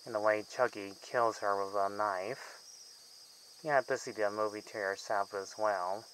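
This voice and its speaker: A man with a fairly low voice gives a casual film review, talking in loose, rambling sentences that wander and trail off. Faint crickets chirp behind him. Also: fairly even intonation, normal speed, fairly bright tone, slight background noise, poor audio. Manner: rambling and loosely strung, trailing off mid-thought. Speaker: movie reviewer.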